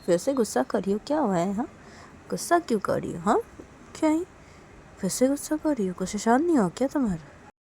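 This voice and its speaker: A woman's voice: a little high, very animated, brisk, long pauses, mellow, slight background noise, voice pushed up. A woman voicing a playful young woman who pleads and teases with repeated tag questions, in a storybook tale. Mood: wheedling. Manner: pleading, repeats "what is it?" and "haan?".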